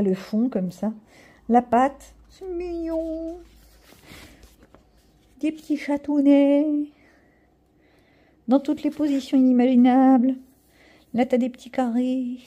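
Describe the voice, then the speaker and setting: A middle-aged woman vlogger chats casually as she shows her viewers a haul. Her voice is very dark and mellow, with a husky grain, and sits a little high. She rambles and keeps teasing herself along the way. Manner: rambling, chatty, self-mocking asides. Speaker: vlogger showing a coloring-book haul. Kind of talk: casual chat to camera.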